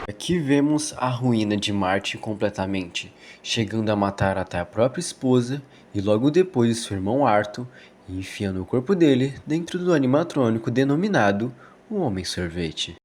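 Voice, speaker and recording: This video essay narrator is a Brazilian man recounting a horror series as storytelling commentary, with music playing under his voice. His mid-range voice has a darkish tone, lively intonation, and a moderate pace.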